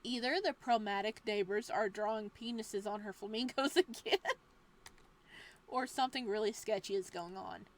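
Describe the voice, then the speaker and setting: A game streamer reads a horror visual novel aloud in a medium-pitched voice at normal speed, breaking from the narration for playful, joking asides.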